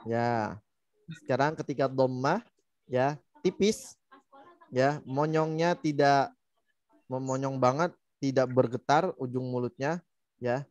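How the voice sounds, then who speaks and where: A man's voice: medium pitch, slow, pauses often, no echo, muffled recording. A man teaching Quran recitation in an online class, patiently demonstrating each letter sound over and over. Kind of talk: online tajwid lesson.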